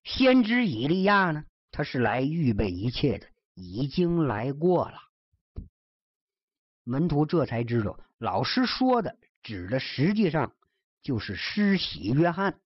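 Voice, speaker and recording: A woman's voice: low voice, measured pace, slightly rough, no echo, dull audio. A woman telling a story in traditional storyteller style, with chatty asides to the listener. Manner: lively, chatty asides to the listener with rhymed verse closings.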